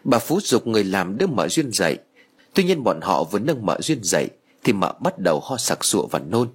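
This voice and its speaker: A man's voice: fairly low pitch, big pitch swings, moderate pace, breathy edge. A man narrating a horror story in a dramatic storytelling manner.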